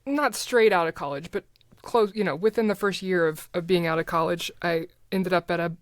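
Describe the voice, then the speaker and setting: An American woman, a voice actor and advertising project manager, speaks as a podcast guest in a casual interview. Her low voice moves fairly quickly as she thinks aloud and explains things informally, recorded in dry, studio-quality sound.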